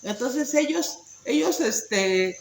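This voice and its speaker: A woman's voice: high-pitched, expressive, slow pace, roomy sound, slight background noise, poor audio. A woman teaching an informal Bible study, talking conversationally with many fillers and tag questions.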